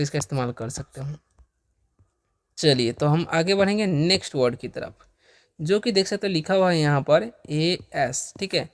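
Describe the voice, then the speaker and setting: A man with a voice on the high side teaches a beginner English lesson, explaining slowly and patiently and answering his own questions over and over.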